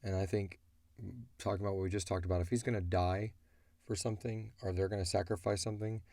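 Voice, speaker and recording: Fast-talking and deep-voiced, this man has a dark tone and fairly even intonation, recorded with no echo. As an audio drama creator responding to listener questions, he wanders colloquially through his story, frequently speaking his characters' thoughts aloud.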